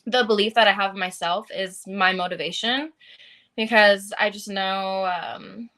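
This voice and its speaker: Woman, young adult, bright tone, earnest, casual interview talk. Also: medium pitch, fairly even intonation, measured pace. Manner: earnest, with fillers and laughs. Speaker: fighter interviewed.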